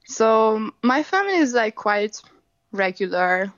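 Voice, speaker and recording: Brief Hungarian-accented woman in her 20s, interview guest, unhurried and plain-spoken, dull lo-fi line, dry sound. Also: a little high, sing-song, dry recording. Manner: unhurried, matter-of-fact, simple non-native phrasing. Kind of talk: casual interview answers.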